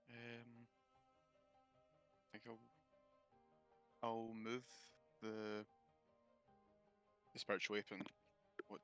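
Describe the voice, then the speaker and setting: Quiet, hesitant man mumbling his turn. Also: fairly low pitch. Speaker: player. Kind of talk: casual tabletop game chat.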